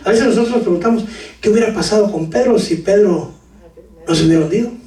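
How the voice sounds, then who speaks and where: A man preaching a lively sermon to his congregation with jokes, sudden shouts and talk of brothers. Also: sits high, fast. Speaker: pastor. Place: church hall. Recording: echoey church hall from far off.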